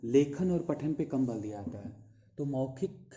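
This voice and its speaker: Dark-voiced man teaching a lecture. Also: medium pitch, animated. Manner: explains slowly with many fillers and self-corrections; talks directly to students, repeating key phrases. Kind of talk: recorded lecture on teaching methods. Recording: dull lo-fi audio.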